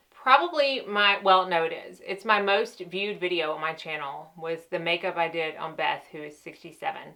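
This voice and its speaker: A woman's voice: on the low side, bright, forceful tone. A chatty woman, a makeup artist answering viewer questions in casual chat while doing her makeup. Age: 30s. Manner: chatty, conversational, with frequent fillers.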